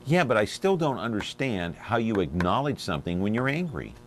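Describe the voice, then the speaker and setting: A man hosting a local talk show, speaking in a low voice whose pitch rises and falls a lot. He talks casually and hesitantly, with fillers, and keeps asking his guest questions. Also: sing-song, a little fast, a little hiss or hum. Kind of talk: casual studio chat.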